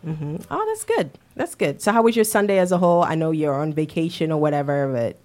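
A woman's voice: low-pitched, sing-song, a little fast, a little mellow. A young woman hosting an interview show, chatty and laughing often, with plenty of fillers. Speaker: show host. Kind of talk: casual interview.

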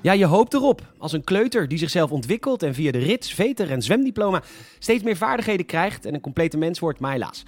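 A man hosting a scripted satirical news show, delivering sarcastic, mock-indignant commentary that sometimes bursts into shouting. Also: on the high side, sing-song, a little fast, faint music behind.

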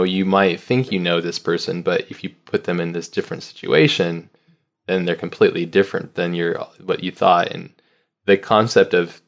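Gravelly low-voiced host in his thirties. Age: 30s. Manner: rambling and philosophical. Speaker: podcast host. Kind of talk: casual conversation. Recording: roomy with faint ambient noise.

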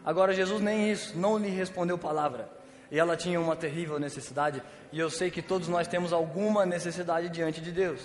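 A man with a Brazilian Portuguese accent preaches in a relaxed, slangy, joking storyteller's manner. His voice sits a little high for a man. It rings through a reverberant hall over soft background music. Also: fairly quick. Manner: casual slangy storytelling with humor. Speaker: pastor. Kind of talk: sermon. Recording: echoey church hall with faint music.

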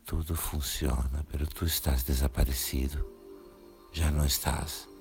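Very deep, slow male meditation guide. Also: fairly even intonation, creaky. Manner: soothing, repetitive, gentle instructions. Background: music with singing bowl tones.

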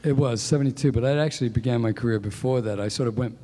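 Rapid-fire and warm, a mid-range male voice echoes through a large hall as a guest in a conversational interview. The speaker, a music industry executive in his sixties who was born in England and raised in New Zealand, discusses his career in a chatty, self-mocking manner.

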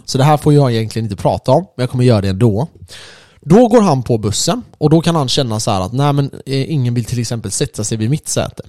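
A man's voice: mid-range voice, mellow, dry recording, clean studio sound. A man co-hosting a podcast in casual conversation, reasoning through everyday examples in a reflective way. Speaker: podcast co-host.

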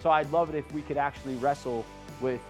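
A man's voice: fairly high pitch, steady tone, quick pace, darkish tone, faint music behind. A middle-aged man giving a personal testimony to a men's group, earnest and conversational, repeating himself for emphasis.

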